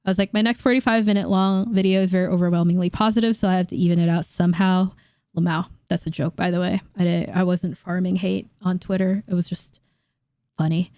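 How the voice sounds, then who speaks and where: A woman in her late twenties reacting to online comments in a casual vlog, blunt and quick to laugh, swearing casually. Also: on the low side, fairly even intonation, dark tone, clean tone, no echo, clean studio sound. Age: late 20s. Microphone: dynamic studio mic.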